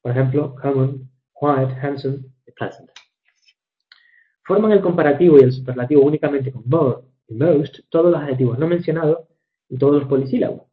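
A man teaching English grammar in a recorded lecture, measured and methodical, slowing down to read examples and correcting himself with fillers. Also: a little high. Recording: dull lo-fi recording.

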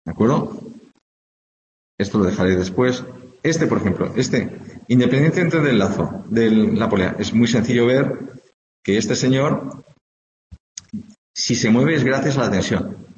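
A man's voice: mid-range voice, expressive, measured pace, long pauses, a little mellow. A man teaches physics, working through problems step by step and checking with the class as he goes. His voice carries a long echo, as if picked up in a big hall. The sound is dull and lo-fi, with a faint hiss behind it. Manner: explains step by step, thinks aloud, often checks with "¿de acuerdo?". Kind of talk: informal classroom lecture.

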